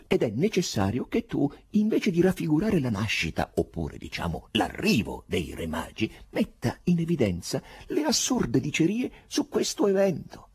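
A man's voice: on the high side, darkish tone, breathy edge, pitched above the performer's own voice, exaggerated voice. A man voicing a self-assured, polite learned man in an audiobook, speaking emphatically as if lecturing. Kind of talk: audiobook reading.

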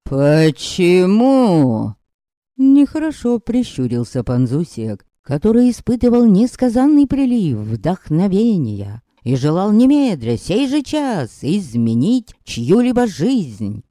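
A man narrating an audiobook in a wry, unhurried storytelling manner. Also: high voice, huge pitch swings, warm tone, dry recording, clean studio sound. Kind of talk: scripted narration.

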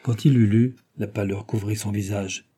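A man reads a novel aloud in a dark, mellow voice with a husky edge. His narration is lively, and he lifts his voice sharply whenever characters shout. The tone stays low and warm throughout. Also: moderate pace. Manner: lively reading, raising his voice for shouted lines. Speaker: audiobook reader. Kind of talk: scripted narration.

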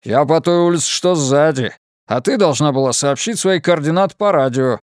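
A man voicing a rude, hot-tempered police deputy chief in an audiobook, gruff and snapping. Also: fairly high pitch, moderate pace, no room sound, clean studio sound, lightly acted. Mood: angry.

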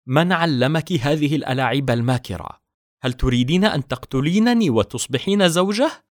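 A man voicing an angry, scornful young wife in a storybook reading, sharp and commanding, on a dry recording. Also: fairly high pitch, lively intonation, fairly quick, no room sound, voice pushed up, natural voice.

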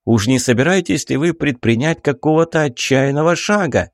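A nervous, careful police investigator, hesitant and placating, as the narrator puts him on. He coaxes and pleads in a slightly raised, soft-edged voice. The recording is close and dry. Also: fairly high pitch, lively intonation, moderate pace, no room sound, pitched above the performer's own voice. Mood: pleading. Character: cautious middle-aged male investigator, timid. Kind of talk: audiobook character voicing.

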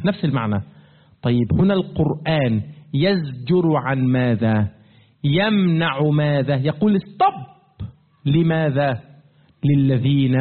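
A man teaching a religious lesson, asking his listeners questions and repeating them, his pitch swinging up and down as he slows to stress key words. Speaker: teacher of Quran commentary. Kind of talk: classroom-style religious lesson. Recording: tinny phone-like lo-fi recording.

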